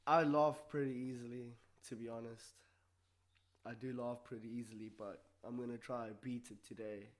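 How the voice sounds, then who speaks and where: A man hosting a casual solo vlog, talking and reacting in a low-key, low-energy way while a bit under the weather. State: a bit sick. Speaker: video show host.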